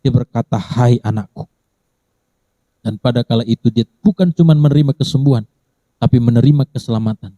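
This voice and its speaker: A pastor preaching a sermon in church, dramatically acting out the quoted voices. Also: male voice, fast, mellow, no room sound, dull audio. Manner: dramatic, acts out the quoted voices with big pitch jumps.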